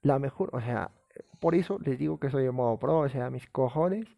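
Gravelly-voiced excitable male gamer. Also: mid-range voice, normal speed. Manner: excitable, rambling, swears often. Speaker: streamer. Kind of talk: casual gaming live-stream commentary.

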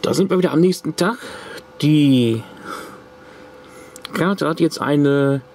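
In this laid-back show-and-tell vlog, a man who collects retro computers rambles at his home workbench, full of fillers and restarts, while showing a corroded circuit card to the camera. He speaks slowly in a slightly high voice with a darkish tone, and there's a little hiss or hum.

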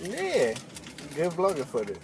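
A man's voice: a little high, wildly swooping pitch, a little slow, noisy background. Laid-back young man vlogging. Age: young adult. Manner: laid-back, mumbled asides to camera. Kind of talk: casual vlog chat. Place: inside a car, then a bowling alley. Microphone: handheld camera close up.

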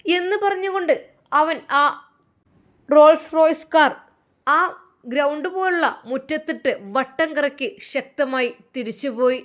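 Storyteller: woman, Malabar accent, higher voice, emotive dramatic narration. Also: a little slow, fairly bright tone. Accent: Malabar Malayalam. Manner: emotive, earnest.

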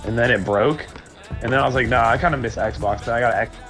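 Fast-talking male gamer bro, music behind. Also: medium pitch, steady tone, fairly bright tone. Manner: slangy gamer bro, blunt swearing. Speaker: streamer's gaming teammate. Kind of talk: casual in-game chat.

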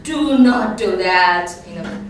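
A woman's voice: mid-range voice, slow pace, slight background noise. Woman teaching in echoey room. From China. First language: Chinese. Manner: patient, models sounds for students to repeat, laughs often. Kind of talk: classroom teaching. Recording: echoey room, recorded from far off.

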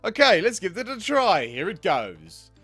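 A man's voice: high voice, big pitch swings, unhurried, bright, forceful tone, husky, no echo, faint music behind. A man hosting a gaming channel, reading a visual novel aloud with sarcastic, casually sweary comments.

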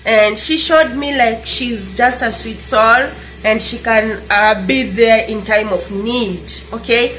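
A woman, talking casually to camera in a vlog, gushing and repeating herself excitedly. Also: fairly high pitch, takes it slowly, a little hiss or hum, low-quality recording. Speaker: vlogger. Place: indoors at night.

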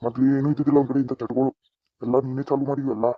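A man's voice: medium pitch, little pitch movement, very fast, slightly rough, no echo, close to an everyday voice. A man voicing a bitter, scolding older mother-in-law with a North Karnataka accent in a cartoon. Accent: North Karnataka Kannada. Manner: scolding, taunting. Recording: dry, dull lo-fi sound.

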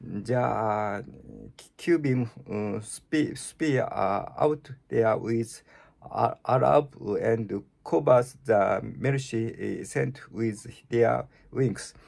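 A man with a Japanese accent, a native Japanese speaker, reading the Bible aloud in English in a halting, stumbling way, with many restarts and fillers. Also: medium pitch, gravelly, darkish tone. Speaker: channel host reading scripture.

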